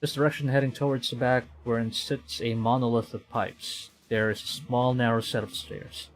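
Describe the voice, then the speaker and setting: His voice is mid-range, steady, and moderately paced as this man from the Philippines streams a visual novel, reading the text aloud and muttering reactions in between. The recording is rough, with game music playing behind him.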